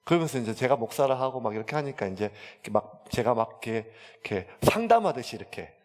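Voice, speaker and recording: A man's voice: medium pitch, very animated, quick pace. A male pastor, chattily telling a story in a sermon, full of fillers. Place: church sanctuary. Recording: long church hall reverb.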